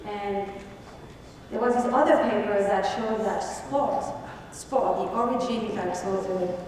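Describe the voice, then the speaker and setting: A woman's voice: mid-range voice, slow, a little mellow. A woman from France with a French accent, speaking English as a second language while she gives a conference talk, hesitant and full of fillers as she explains her slides. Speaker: university researcher giving a talk. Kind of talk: conference presentation. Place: conference hall. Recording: echoey hall, distant mic, background noise.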